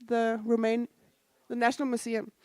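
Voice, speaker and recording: Speaking in a conference hall, a woman in her forties originally from Denmark delivers a relaxed, self-mocking talk with asides to the audience. Her slightly high voice is monotone and a little mellow, at a moderate pace with no room sound.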